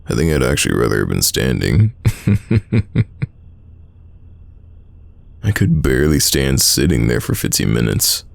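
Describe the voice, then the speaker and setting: In an intimate roleplay audio drama, a man plays a teasing, stubborn young friend, using a very deep, gravelly voice and a casual delivery full of long, drawn-out sighs. The performance is heavily acted with no room sound, and the mood is weary banter.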